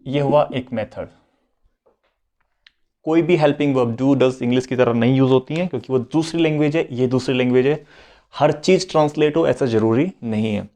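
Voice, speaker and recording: A man's voice: medium pitch, moderate pace, mellow. A man teaching a beginners' language lesson, switching between Hindi and English and repeating each point. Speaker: French teacher. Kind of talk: slow explanatory lesson.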